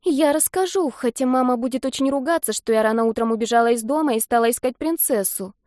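A woman reading an audiobook, voicing a timid, curious eight-year-old girl in a high, eager childlike voice. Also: fast talker, darkish tone, no echo, studio quality, close to an everyday voice. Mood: worried. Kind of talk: audiobook character voice.

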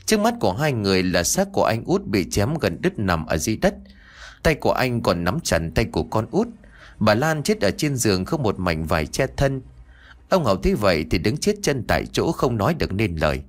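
A man narrating a horror story in a steady, dramatic reading voice. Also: on the low side, brisk.

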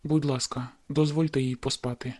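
A woman voicing a gentle young male vampire who speaks softly and soothingly in an audiobook. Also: a bass voice, steady tone, brisk, breathy edge, voice pushed down. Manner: soft, hushed and soothing.

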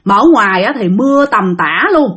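A woman's voice: mid-range voice, animated, normal speed, fairly bright tone. A woman telling a ghost story in a chatty manner, speaking directly to her listeners. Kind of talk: spoken ghost story narration.

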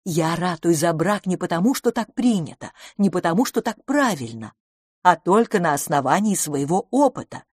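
A timid middle-aged spinster, as a woman narrator puts her on pleads earnestly in a low, hushed voice. Her tone sits a little deep and is recorded close and dry. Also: big pitch swings, normal speed, husky, no room sound. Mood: pleading.

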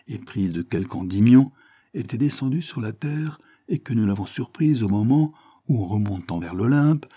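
A man's voice: fairly low pitch, warm tone, no echo, clean studio sound, natural voice. A man reading a story aloud, voicing a retired harbor captain in a raised, urgent, declamatory tone.

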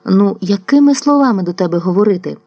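A woman voicing a gruff, irritated man who speaks curtly and brusquely. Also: medium pitch, animated, quick pace, mellow, no room sound. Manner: curt, brusque. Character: gruff, irritated man pushing someone away. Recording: dull lo-fi dry recording.

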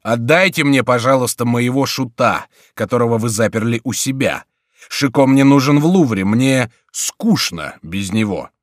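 A man voicing a calm imperious king. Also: mid-range voice, normal speed, no room sound, clean studio sound, voice pushed up, close to an everyday voice.

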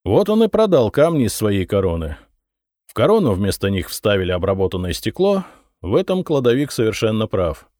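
A man's voice: fairly low pitch, big pitch swings, brisk, dark tone, dry recording, clean studio sound. A man voicing a short-tempered male head of a secret service who roars and threatens, in an audiobook. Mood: weary, explaining. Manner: roaring, threatening, commanding. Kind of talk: audiobook character reading.

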